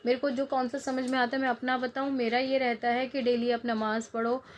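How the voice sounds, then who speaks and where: A woman's voice: a little high, little pitch movement, brisk, a little hiss or hum. A woman in her thirties chatting casually in a home cooking vlog, rambling and joking as she talks. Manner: chatty, rambling, jokes and laughs. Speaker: cooking vlogger. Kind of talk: casual chat to camera.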